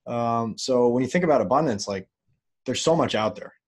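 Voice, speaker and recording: A man speaking as a podcast guest, telling stories in a relaxed, animated way with plenty of fillers. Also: medium pitch, moderate pace. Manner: relaxed, animated, loose with fillers and an occasional curse. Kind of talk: casual interview storytelling.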